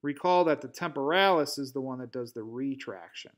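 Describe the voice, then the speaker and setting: A man's voice: medium pitch, a little fast. A man giving a recorded anatomy lecture, explaining step by step over drawings with some fillers and restarts. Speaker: instructor. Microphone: voice-over narration over drawings.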